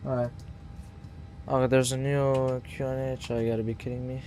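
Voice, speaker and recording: A man's voice: mid-range voice, little pitch movement, fairly quick, warm tone, slight background noise. A man streaming a flight simulator, casually thinking aloud and muttering to himself as he works through procedures.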